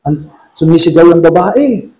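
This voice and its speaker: Filipino guy preaching in a chapel, high voice, jokey, acts out couples yelling. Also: expressive, moderate pace, rough recording. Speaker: lay preacher. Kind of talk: humorous church talk.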